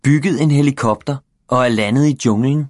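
An eager, cheeky little boy from a children's storybook, put on by a man. His voice sits clearly higher than the reader's own and comes out in urgent, childlike calls. The sound is close and dry. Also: darkish tone, no echo, close to an everyday voice. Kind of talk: storybook read-aloud.

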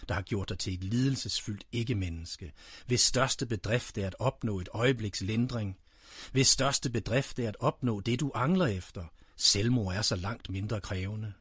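A man reading dark, brooding spoken-word poetry, addressing a "you" directly. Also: on the low side, slightly rough, dry recording, studio quality.

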